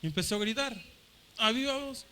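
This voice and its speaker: A man's voice: very high-pitched, lively intonation, brisk, slight background noise. A man from Chile preaching a fervent Pentecostal sermon, repeating his phrases for emphasis. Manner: fervent, repeats phrases, acts out shouting crowd voices.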